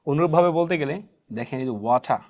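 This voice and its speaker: A man's voice: on the high side, fast talker, a little mellow. A man teaching English pronunciation as a lesson, asking questions and answering them himself and repeating key words. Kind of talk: spoken classroom lesson.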